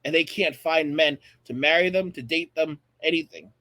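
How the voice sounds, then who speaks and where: Speaking at a moderate pace in a bright, forceful, noticeably high-pitched voice, an American man in his late thirties comments opinionatedly to his viewers like a video channel host. He stresses and repeats phrases for effect. The recording is close and dry, without echo.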